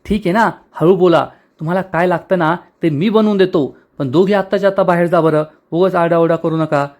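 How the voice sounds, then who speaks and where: A man voicing a caring young husband who hushes and scolds the people around him. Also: sits high, steady tone, brisk, close to an everyday voice. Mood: pleading, scolding. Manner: hushed, pleading.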